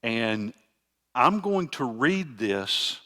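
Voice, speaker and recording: A man's voice: medium pitch, big pitch swings, extremely slow, pushed and bright. An older man, a pastor giving a conversational teaching sermon with frequent restarts.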